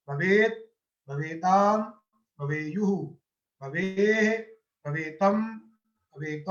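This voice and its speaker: A man teaching a grammar lesson step by step, asking his class questions and answering them himself. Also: high-pitched. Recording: roomy, dull lo-fi sound.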